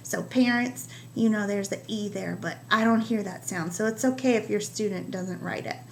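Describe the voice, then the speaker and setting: A woman teacher giving a writing lesson to young children, slowly stretching out the sounds of words. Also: mid-range voice, gravelly, slight background noise.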